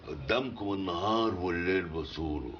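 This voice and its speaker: An actor playing a gruff, commanding neighborhood boss, with an Egyptian accent and a blunt way of talking. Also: male voice, low voice, lively intonation, brisk, fairly bright tone, slight background noise. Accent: Egyptian Arabic. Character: gruff middle-aged male neighborhood boss. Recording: dull film soundtrack.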